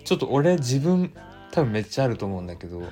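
A man with a Kansai Japanese accent hosts a casual solo livestream in the style of a radio show, chatting loosely and reading listener messages aloud. His voice is medium-pitched and fast, with faint music playing behind him. He is chatty and animated, musing aloud with lots of fillers.

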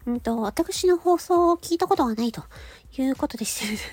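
An amateur voice actor hosting her own audio channel chats casually with listeners in a very high, cutesy, nasal voice that sounds stuffy-nosed and cartoon-like. She speaks politely and informally with lively intonation, giggling in short, halting bits that end in a soft filler.

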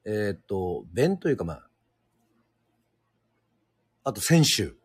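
A man from Yoron Island hosting a casual solo radio talk, speaking hesitantly with many fillers and pauses. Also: lowish voice, very animated, breathy edge, no echo. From Yoron Island, Japan. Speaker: radio show host.

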